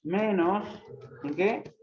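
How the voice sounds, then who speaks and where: With a mid-range voice and drawn-out words, a teacher gives a grammar lesson over a background crowd, questioning students by name repeatedly and scolding them for neglecting the book. The audio is echoey, dull, lo-fi, and noisy.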